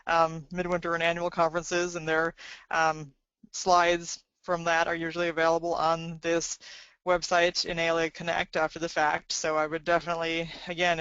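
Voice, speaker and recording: Bright, crisp-voiced woman presenting a webinar. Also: on the low side, no room sound, lo-fi sound. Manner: conversational, with frequent fillers.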